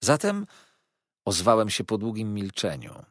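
Casting note: male audiobook narrator, low and slightly husky, with lively, varied intonation. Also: a little slow, no echo, studio quality. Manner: expressive, animated reading. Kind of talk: scripted narration.

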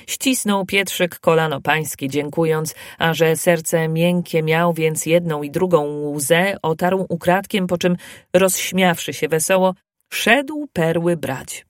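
Woman narrator reading a fairy tale, slow unhurried pace, dry close sound. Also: lowish voice, no room sound. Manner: slow, even storytelling delivery. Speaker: storyteller.

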